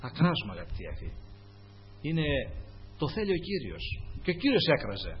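Impassioned preacher, husky and lively. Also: male voice, dull audio. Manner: impassioned preaching, rising to high calls then dropping to murmured asides. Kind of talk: sermon.

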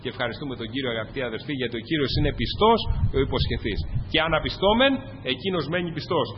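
A man's voice: mid-range voice, expressive, noisy background. A man preaching a sermon to his congregation, fervent and rising to cries on key phrases. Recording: dull lo-fi recording in a large reverberant hall.

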